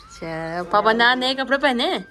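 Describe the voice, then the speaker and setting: A woman's voice: fairly high pitch, measured pace, soft background music. A woman in her thirties vlogging casually from her rural family home, chatting to viewers and her children. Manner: chatty, addresses viewers as guys, lively with the kids. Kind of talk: casual home vlog chat.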